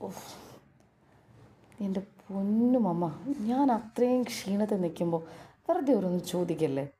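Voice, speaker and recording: A woman's voice: medium pitch, lively intonation, normal speed, mellow, slight background noise, natural voice. A woman voicing a tired, irritable young husband who grumbles wearily. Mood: weary. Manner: weary, grumbling.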